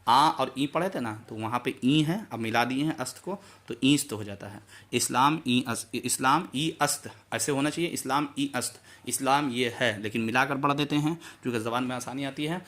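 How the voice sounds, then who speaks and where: A man's voice: mid-range voice, fairly quick, few pauses, fairly bright tone. A man teaching a Persian grammar lesson, saying each word and its meaning over and over as a drill.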